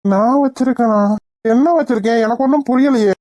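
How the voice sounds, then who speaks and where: A woman's voice: a little high, a little fast, mellow, no echo, studio quality, lightly acted. A woman voicing a playful, blunt young village man in a cartoon, with a brusque, teasing delivery. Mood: puzzled. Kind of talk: cartoon voice acting.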